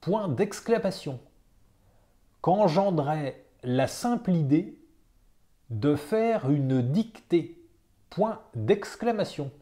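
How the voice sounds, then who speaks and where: A teacher giving a dictation at an extremely slow pace, with every phrase said several times over and the punctuation marks spoken aloud. The voice is dark and mellow, with a middle pitch. The delivery stays measured and deliberate throughout. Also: lively intonation.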